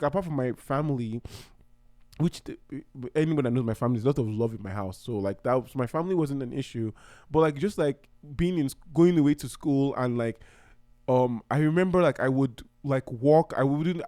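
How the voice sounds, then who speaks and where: A man's voice: mid-range voice, a little mellow, no echo, studio quality. A young man from Nigeria hosting his own podcast in a casual, heartfelt way, rambling and often restarting his sentences. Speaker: podcast host. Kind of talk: casual solo podcast talk.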